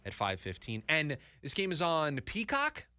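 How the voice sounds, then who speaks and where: Male sports talk host, higher pitch, very lively delivery, dry close studio sound. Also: moderate pace, clear, resonant tone, no echo. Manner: animated, repeats words when emphatic. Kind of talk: sports talk radio chat. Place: radio studio. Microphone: studio mic.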